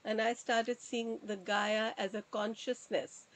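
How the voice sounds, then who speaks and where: A woman's voice: a little high, flat delivery, measured pace, a bit bright, rough recording. A woman sharing a personal reflection in a group circle, earnest and hesitant, with fillers and repeated words. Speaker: circle participant.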